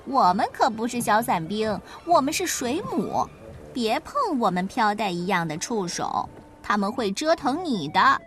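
A woman voicing little jellyfish in a storybook, warning in a high voice. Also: big pitch swings, unhurried, fairly bright tone, faint music behind. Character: little jellyfish, light and cautionary.

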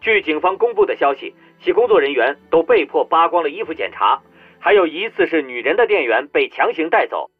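一名男子在有声书中为一位表情严肃、快速播报的电视新闻主播配音，声音抬高，语气紧迫。. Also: male voice, fairly high pitch, sing-song, husky, no room sound, phone-quality sound, soft background music, voice pushed up. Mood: urgent. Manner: fast, urgent news-bulletin delivery. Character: brisk, stern TV news anchor. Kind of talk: audiobook character voice.

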